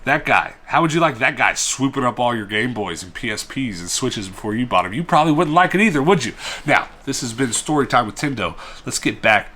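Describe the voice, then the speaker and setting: Showing off his collection in a casual show-and-tell vlog, this man rambles and pokes fun at himself. His mid-range voice is expressive, bright and forceful, and he talks a little fast.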